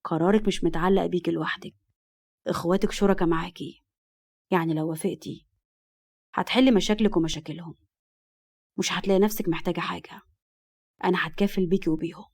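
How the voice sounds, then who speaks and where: A woman doing a cold snobby rich guy, egyptian accent, lowish voice, talks fast and smug. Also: steady tone, a little mellow. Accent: Egyptian Arabic. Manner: cold, condescending, slyly polite. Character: smug arrogant rich man in his thirties.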